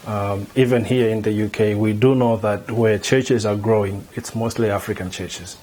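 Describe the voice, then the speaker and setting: A middle-aged man from Malawi, a theology lecturer, answering interview questions in a measured way, often repeating words as he thinks. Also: on the low side, steady tone, a little mellow, a little hiss or hum. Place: indoor room before a banner.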